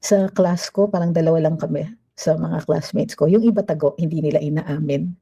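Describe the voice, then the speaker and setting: A woman hosts livestream commentary, reading out viewer comments and answering them in an emphatic, chatty way. Her voice sits fairly low and sounds very dark and mellow. She mixes Tagalog and English freely. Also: normal speed, gravelly, husky.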